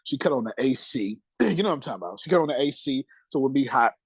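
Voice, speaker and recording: A man's voice: medium pitch, lively intonation, quick pace, husky, no room sound. A man being interviewed on a podcast, telling his life story candidly and emphatically, with speech and streetwise slang, repeating phrases for weight. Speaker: podcast guest.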